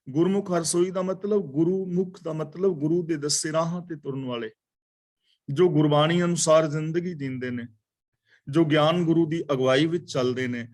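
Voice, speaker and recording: A man giving a Sikh scripture class. He chants each verse slowly, then explains it in quick, repeated phrases. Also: a little high, darkish tone. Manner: repeats key phrases for emphasis.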